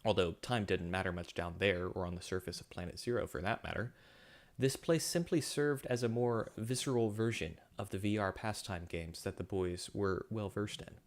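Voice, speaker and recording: A man's voice: lowish voice, normal speed. A man reading his own science fiction story aloud, with occasional slips and self-corrections. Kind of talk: story narration.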